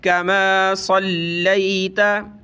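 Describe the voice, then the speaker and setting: A man teaching Quran recitation step by step, quickly explaining letter sounds and then reciting each phrase slowly and drawn out. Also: sits high, little pitch movement, bright, forceful tone, clean tone.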